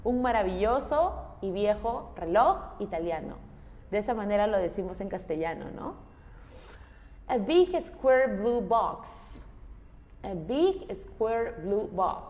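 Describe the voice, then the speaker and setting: A woman's voice: medium pitch, lively intonation, slow pace, darkish tone. Woman, Peruvian Spanish accent, English teacher, quizzing students, reverberant room. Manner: explains step by step, often quizzing students. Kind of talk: classroom lesson.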